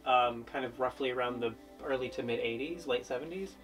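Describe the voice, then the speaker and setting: A man's voice: medium pitch, brisk, far from the mic. Young guy chatting dry and easy in a little boat cabin, sounds a bit off-mic, music going behind. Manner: relaxed, dry joking, explaining plans. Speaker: boat-owning video host. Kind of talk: casual chat, boat tour. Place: small wooden boat cabin, indoors.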